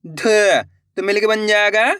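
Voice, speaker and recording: In studio-quality, echo-free audio, a man with a high, steady, sharp and clean voice speaks a little slowly. He teaches reading by sounding out each word syllable by syllable and stretching the long vowels, encouraging viewers and addressing them as friends.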